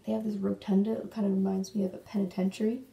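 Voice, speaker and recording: A woman's voice: medium pitch, flat delivery, quick pace, vocal fry, dark tone, muffled recording. A woman vlogger chatting in a rambling way while doing her makeup at home, talking to her cat now and then. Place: room at home. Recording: echoey room, mic at a distance.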